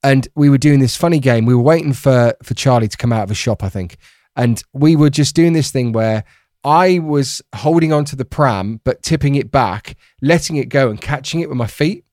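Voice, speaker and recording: A chatty British man in his thirties co-hosts a casual podcast. He rambles through anecdotes and likes to tease. His voice sits at a middle pitch, recorded dry and close. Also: normal speed, a little mellow, no echo. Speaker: podcast co-host, former radio presenter. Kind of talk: casual chat, telling anecdotes.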